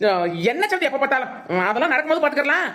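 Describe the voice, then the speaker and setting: A woman voicing a patient, calm young village man in a cartoon, reasoning with the others. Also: sits high, rapid-fire. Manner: reasoning and soothing.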